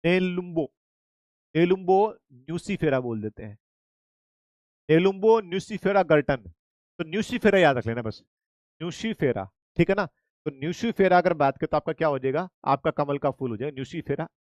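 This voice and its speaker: A man runs a live online lesson, repeating each fact and quizzing his students over and over, with English terms mixed into his speech. His voice sits a little high. The sound is close and dry. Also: normal speed, no echo, dull audio. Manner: lively, repetitive drilling with questions to students; mixes Hindi with English terms. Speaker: online exam-prep teacher.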